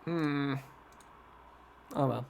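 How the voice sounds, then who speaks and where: A man's voice: mid-range voice, extremely slow, creaky, slight background noise. A man chatting casually on a trading livestream, rambling and poking fun at himself as he reacts to his screen. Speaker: crypto trading streamer.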